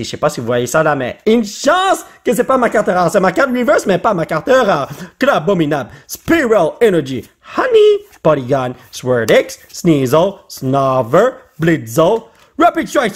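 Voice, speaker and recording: A man with a Quebec French accent talks in a high, slightly husky voice. He gets excited and jokes as he comments on opening card packs, and mixes in English slang. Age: adult father. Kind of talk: casual pack-opening commentary.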